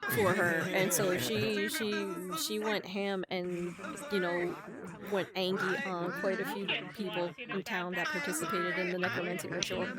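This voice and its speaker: A woman's voice: lowish voice, fairly even intonation, normal speed, over a noisy crowd. A woman streamer chatting loosely as she wraps up, feeling motion sick and rambling with restarts. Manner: chatty, rambling, self-interrupting. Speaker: streamer and player. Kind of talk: casual livestream chat.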